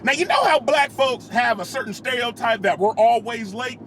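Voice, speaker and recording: A man with a high, very lively voice tells a comedic roast story with animated sarcasm and over-the-top comparisons. A clear steady noise runs behind him, with car sounds. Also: normal speed. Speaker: vlogger telling a roast story.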